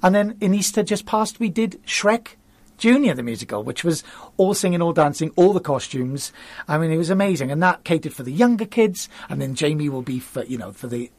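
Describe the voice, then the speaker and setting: Husky, chatty man with a Welsh accent. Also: a little high, expressive, darkish tone, no echo. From Wales. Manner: enthusiastic, chatty, quick bursts. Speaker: youth theatre school founder, guest. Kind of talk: conversational interview.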